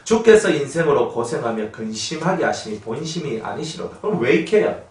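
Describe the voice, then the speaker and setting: Animated Gyeongsang pastor in an echoey room. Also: male voice, medium pitch, brisk. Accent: Gyeongsang Korean. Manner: folksy, animated, teasing. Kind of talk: sermon. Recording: echoey room, distant mic.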